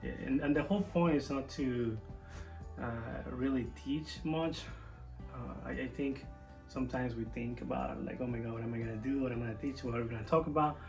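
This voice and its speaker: A young man from Venezuela talks casually and earnestly to camera, thinking aloud and restarting his sentences. His voice sits at an everyday middle pitch. Faint music plays behind him. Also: a little fast, low-quality recording. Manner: earnest, reflective, many restarts. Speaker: co-host of a family channel.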